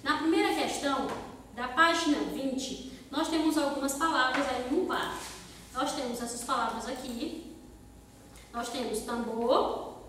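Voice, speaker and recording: A Brazilian woman with a Brazilian Portuguese accent teaches a children's class in a recorded remote lesson, sounding out words slowly, syllable by syllable, in a sing-song way and asking pupils rhetorical questions. Her high, slightly bright voice comes from a distance in an echoey, hall-like room, with a little hiss or hum.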